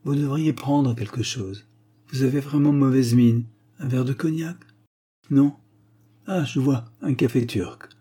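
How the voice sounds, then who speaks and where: A man's voice: medium pitch, a little slow, mellow, breathy edge, pitched above the performer's own voice. A man voicing a cruel, mocking hunchback who drawls with false friendliness, in a read-aloud story. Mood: coaxing.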